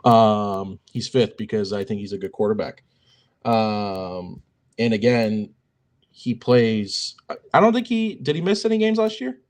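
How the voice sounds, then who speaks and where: A man's voice: fairly low pitch, lively intonation, a little mellow. Joking young man podcast co-host. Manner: joking, drawn-out, lots of ums. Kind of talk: casual sports chat.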